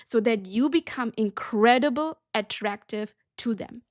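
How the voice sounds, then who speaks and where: A woman's voice: on the high side, unhurried, dry recording, studio quality. A woman business coach teaching a lesson, emphatic and direct, often checking in with her listeners. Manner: emphatic, keeps checking in with "okay?".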